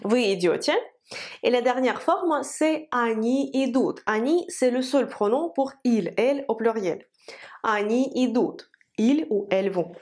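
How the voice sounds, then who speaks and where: Slow-spoken woman teaching pronunciation. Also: fairly high pitch, expressive, a little mellow. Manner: slow, deliberate pronunciation drills, repeating words. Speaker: Russian teacher. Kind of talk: language lesson.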